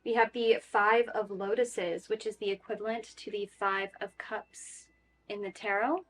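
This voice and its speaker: A woman's voice: mid-range voice, steady tone, a little slow, a little hiss or hum. A woman giving a casual, reassuring tarot reading in a chatty way, with frequent fillers. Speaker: tarot reader.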